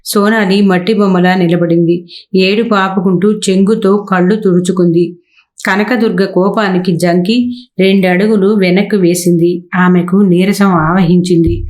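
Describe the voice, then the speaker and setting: A woman narrating a serialized novel as an audiobook in a steady, measured storytelling manner. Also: on the low side.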